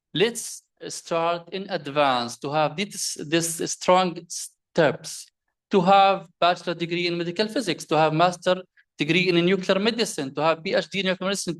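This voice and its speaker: Audience questioner: man, earnest, emphatic, slightly high-pitched. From Jordan. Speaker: audience member asking a question. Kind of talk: question from the floor at a conference. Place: conference hall.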